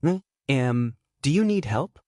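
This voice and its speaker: A man's voice: medium pitch, animated, a little slow, warm tone, no room sound, clean studio sound, lightly acted. A man voicing a polite male hotel waiter who speaks hesitantly.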